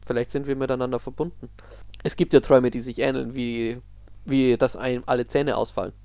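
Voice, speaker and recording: A German-accented podcast host reads a creepy story aloud in a calm, even manner, then chats casually with his co-host. His voice sits at a middle pitch. The sound is dry and close, with no room echo. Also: fairly quick, vocal fry, clean tone.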